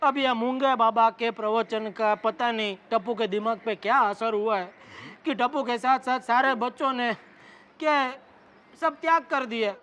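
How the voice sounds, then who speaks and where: An actor voicing a flustered, panicky middle-aged shopkeeper in a cartoon, talking fast and defensively. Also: male voice, extremely high pitch, smooth. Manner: excitable, defensive. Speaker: cartoon character.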